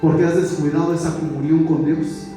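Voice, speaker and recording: Pastor, male, high voice, preaching from a distance in a very reverberant church, soft music under. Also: flat delivery. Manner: preaching, repeatedly addressing "mi hermano"; slows down for emphasis on scripture quotes. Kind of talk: sermon. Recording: very echoey church hall, distant mic.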